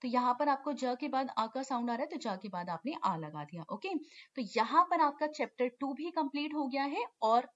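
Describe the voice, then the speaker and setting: A woman's voice: sits high, lively intonation, normal speed. A woman teaching shorthand in an online lesson, patiently repeating key terms and checking in often. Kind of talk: online lesson explaining step by step. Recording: lo-fi dull recording.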